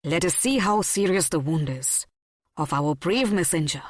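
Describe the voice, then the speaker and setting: A woman's voice: fairly low pitch, lively intonation, moderate pace, no room sound, studio quality. A woman reading the part of a stern young male prince in an audiobook, giving cold, clipped orders. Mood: commanding.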